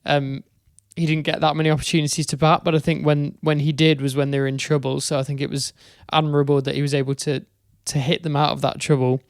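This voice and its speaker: Young male podcast co-host, smooth resonant voice, dry sound, hesitant casual cricket chat. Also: on the high side, little pitch movement, quick pace, hardly any pauses, no room sound. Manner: thoughtful, hesitant with fillers.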